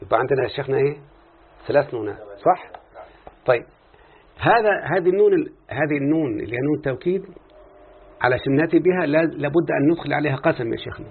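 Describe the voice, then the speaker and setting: A man's voice: fairly high pitch, lively intonation, very fast, long pauses. A man with an Egyptian Arabic accent teaching Arabic grammar in a classroom lesson, explaining step by step and often quizzing his students. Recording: tinny lo-fi phone-like recording.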